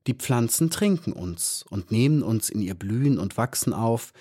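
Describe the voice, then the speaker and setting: A man reading an audiobook and voicing a wise male flower elf who speaks calmly and earnestly. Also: mid-range voice, moderate pace. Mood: serene. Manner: calm and earnest.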